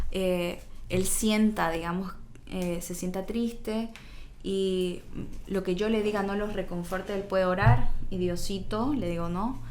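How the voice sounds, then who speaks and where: A woman's voice: medium pitch, slight background noise. A young adult woman, a guest on a podcast, talking casually and acting out the quoted dialogue in her stories. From Bolivia. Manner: chatty storyteller acting out quoted dialogue, frequent "digamos, ¿no?" fillers.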